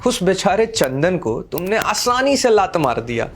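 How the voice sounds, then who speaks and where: Using a full character voice, a young actor brings Sahil to life: an arrogant, moralizing rich boyfriend in a dramatic short film who scorns, lectures, and raises his voice in arguments. His voice sits high with big pitch swings, is fairly bright in tone, and comes a little slowly.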